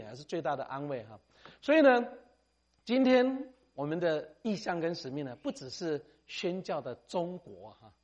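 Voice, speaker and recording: A middle-aged missionary preacher, his voice pitched a little high for a man. His delivery is highly animated and swings up and down as he talks. He keeps it conversational, sprinkling in English words and ending phrases with a friendly "ha". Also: breathy edge, muffled recording. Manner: animated, tags sentences with "ha", mixes in English phrases. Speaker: missionary speaker. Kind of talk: sermon.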